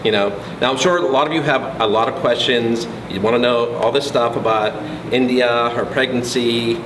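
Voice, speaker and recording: A man's voice: mid-range voice, fairly even intonation, normal speed, background noise. A middle-aged man hosting a casual interview in a gym, teasing and joking with his guest. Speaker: interviewer, host. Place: large indoor gym, in front of a logo wall. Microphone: far camera mic. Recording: echoey room, picked up from a distance, with clear ambience.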